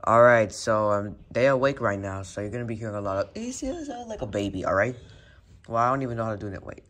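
A man's voice: on the low side, fairly even intonation, quick pace, a bit bright. A man hosting a homemade elimination series at home, calling out names one after another in a casual, rambling way and often correcting himself. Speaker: host of a toy car elimination series. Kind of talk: casual play-by-play narration.

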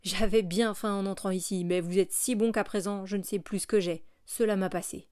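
A poor, tired wanderer of a man speaks in earnest, humble tones, his voice pitched at an everyday middle height, as a woman reader puts him on. The audiobook recording is dry and close, with no room sound. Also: steady tone, brisk, a little mellow, no room sound, natural voice. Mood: humble, grateful. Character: poor weary male vagabond, humble and grateful.

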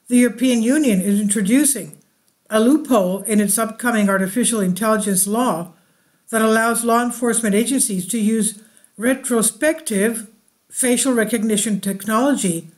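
Slightly high-voiced, this channel host works through a translated news article slowly and deliberately. She pauses to make asides to her viewers as she reads.

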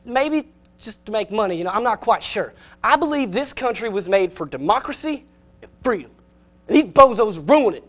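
A young man voicing a loud, blustering middle-aged football coach with a Southern accent in a comedy sketch. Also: high voice, sing-song, moderate pace. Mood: rousing. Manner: shouting pep-talk bluster.

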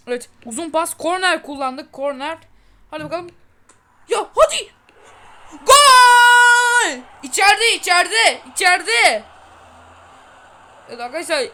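A woman giving excited let's-play commentary on her football game, chatty, urging her players on and boasting to viewers. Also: very high-pitched, a little hiss or hum. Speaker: gaming channel host.

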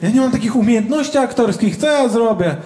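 A man doing a stand-up routine in front of a live crowd. He talks loudly and acts out shouted quotes. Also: very high voice, lively intonation, fairly quick. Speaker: stand-up comedian. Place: large comedy venue with live audience. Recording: echoey venue with audience noise.

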